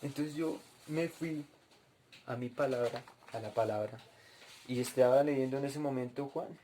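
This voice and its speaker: Dark-voiced man preaching a testimony. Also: mid-range voice, unhurried, a little hiss or hum. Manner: storytelling, addresses listeners directly. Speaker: preacher at a cell group. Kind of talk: testimony and Bible teaching.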